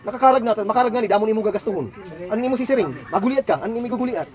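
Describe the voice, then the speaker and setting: A man's voice: sits high, animated, racing. A man tutoring a child at home, patiently coaxing answers with lots of questions. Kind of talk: home lesson, quizzing a child.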